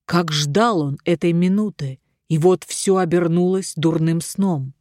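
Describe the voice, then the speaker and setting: An audiobook reader narrating a fantasy story in an even, measured storytelling manner. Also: mid-range voice, dry recording, clean studio sound. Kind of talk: scripted narration.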